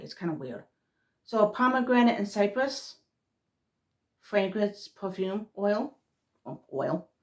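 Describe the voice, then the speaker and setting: Her pitch sits in the middle range as this woman, a spiritual vlogger with a heavy Massachusetts accent, rambles casually on camera. She frequently drifts off mid-phrase and restarts her words.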